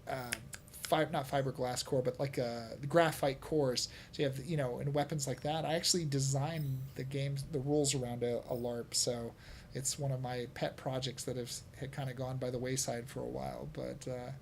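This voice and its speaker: A man of middle pitch talking loosely on a gaming show, stringing thoughts together with lots of fillers. His tone is easygoing and he laughs freely. A faint noise hums behind him. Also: level tone, moderate pace, vocal fry. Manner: rambling, many fillers, laughs often. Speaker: podcast host. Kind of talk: casual chat.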